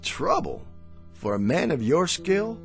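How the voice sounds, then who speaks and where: In a radio drama, an actor voices a smooth-talking, sly miracle worker and con man, using a fairly high, creaky, very animated and exaggerated voice. His tone is courteous yet insinuating and mocking, full of drawn-out mock politeness. Soft music plays in the background.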